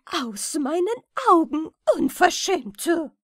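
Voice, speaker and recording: A woman voicing an imperious, indignant queen in a fairy tale audiobook, scolding in shrill outbursts. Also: big pitch swings, a little slow, a little mellow, no room sound, clean studio sound, exaggerated voice. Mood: furious.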